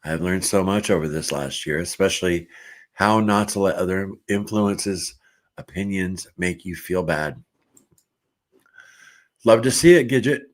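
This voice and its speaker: A middle-aged man hosting a casual livestream, reading viewer comments aloud and chatting in a relaxed way with frequent laughs. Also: deep voice, unhurried, pauses often.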